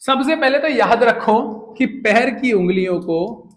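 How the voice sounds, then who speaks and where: A man's voice: very high voice, lively intonation, a little slow. A young man teaching English words in a casual, joking lesson, often asking questions and answering them himself. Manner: chatty, jokey, asks and answers his own questions.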